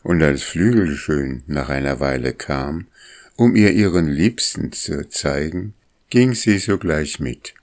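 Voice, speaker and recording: A man reading a storybook aloud in a calm, measured way. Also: rumbling low. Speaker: narrator.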